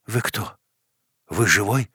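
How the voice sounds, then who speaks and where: A man's voice: lowish voice, slow, sharp tone, husky, no room sound, clean studio sound, voice pushed up, full character voice. A man voicing a confused, defensive middle-aged working man in an audiobook story. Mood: bewildered.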